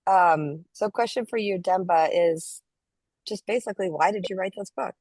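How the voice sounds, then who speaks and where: A woman's voice: on the low side, normal speed, darkish tone, no echo. A woman hosting an online interview and presenting slides, speaking in a friendly, loose way with many ums. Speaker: interview host and advocate.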